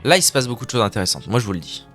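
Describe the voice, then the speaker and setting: Animated streamer man. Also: lowish voice, very fast, soft background music. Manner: playful, crude trash talk and mouth sound effects. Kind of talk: live gameplay commentary.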